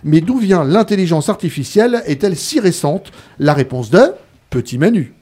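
A man's voice: a little high, very animated, normal speed, dark tone, breathy edge. A man hosting a radio show, presenting from a script. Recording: music bed under voice.

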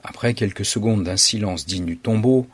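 Husky low-voiced male storyteller. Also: no room sound. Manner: dramatic, measured reading. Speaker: narrator. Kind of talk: scripted story narration.

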